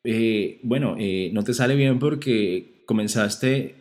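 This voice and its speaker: A man's voice: on the low side, slow pace, a little mellow. Man teaching singing exercises. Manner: explanatory, frequent tag questions; sings short vocal exercise demos. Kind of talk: instructional vocal lesson.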